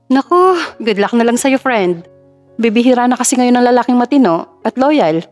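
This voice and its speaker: A woman's voice: a little high, expressive, moderate pace, a little mellow, faint music behind, close to an everyday voice. A woman voicing a chatty, gossipy young female friend in an audio story. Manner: giddy, gossipy.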